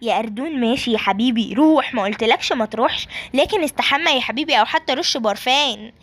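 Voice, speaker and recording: A woman's voice: a little high, quick pace, a bit bright. A woman with an Egyptian accent telling a children's story as a scolding mother who also speaks to viewers. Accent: Egyptian Arabic.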